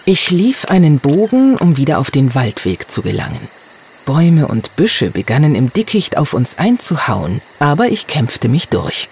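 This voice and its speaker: Animated storybook narrator. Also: medium pitch, normal speed, slight background noise. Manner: expressive, first-person storytelling. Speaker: audiobook narrator.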